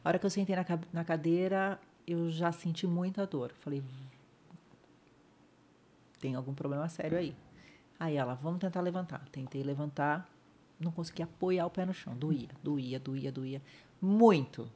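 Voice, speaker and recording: A middle-aged woman with a low voice and a Brazilian Portuguese accent is a podcast guest sharing an emotional personal story. She vividly retells her ordeal, acting out what others said and dropping to a hush at the painful moments.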